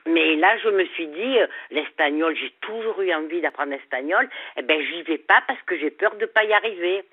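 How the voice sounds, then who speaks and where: An older woman with a Southern French accent, calling in to a radio show, halting and repeating her words. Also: on the low side, lively intonation, no echo. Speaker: caller. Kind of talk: radio call-in. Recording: phone line.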